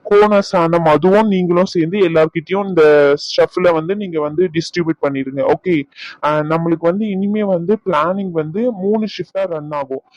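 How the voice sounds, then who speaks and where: A man's voice: a little high, darkish tone, dry recording, lightly acted, rough recording. Man playing a businesslike hospital administrator. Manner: plain, businesslike announcing. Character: hospital administrator man announcing staff shifts.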